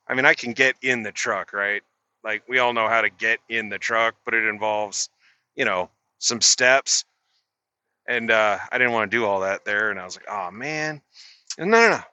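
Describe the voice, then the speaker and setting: A man's voice: medium pitch, moderate pace, pushed and bright. A middle-aged man, a truck driver, casually telling a story in a laid-back, profane, rambling way with restarts.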